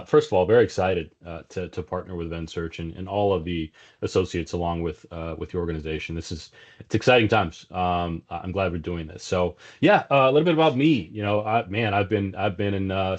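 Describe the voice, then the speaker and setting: A middle-aged South African man with a South African accent and a slight Texas twang speaks briskly in a low voice. He's a sales executive appearing as a guest in a casual business interview, talking conversationally with frequent fillers and restarts, captured on dull, lo-fi audio.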